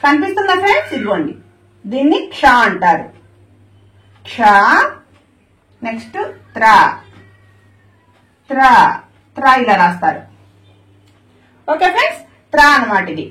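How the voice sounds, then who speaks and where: A woman's voice: high voice, very animated, unhurried, long pauses, a bit bright, echoey room. A woman teaching Hindi letters to her viewers, who keeps calling them friends and keeps pointing them to what she writes. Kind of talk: lesson in Telugu.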